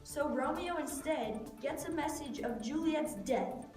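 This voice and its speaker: Reading scripted puppet show narration, a high-voiced woman sounds a little slow and a little mellow. She stands slightly far from the mic in a room with heavy echo, and faint music plays behind her.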